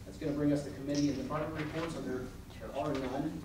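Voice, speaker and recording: An American man serving as board president runs a formal village board meeting indoors in a procedural, matter-of-fact manner. His voice is fairly high, steady, and quick. It's captured by a far camera in the audience, so the distant mic makes the room sound very echoey and noisy.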